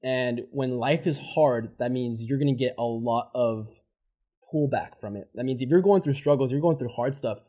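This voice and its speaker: A man's voice: mid-range voice, moderate pace, dark tone. A man speaking as a podcast guest, giving motivational advice in a fervent, casual way and swearing freely. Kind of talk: motivational interview talk.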